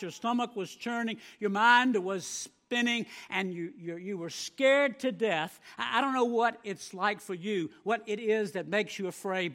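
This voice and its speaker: A male pastor delivers his sermon in a high, ringing voice. He presses on key phrases and lets the loudness rise and fall, often repeating a word as he goes. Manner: emphatic preaching with swelling volume and repeated words.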